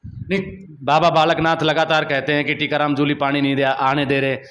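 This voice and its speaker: A man's voice: fairly high pitch, little pitch movement, a little fast, fairly bright tone. A male journalist interviewing a politician, asking pointed, confrontational questions.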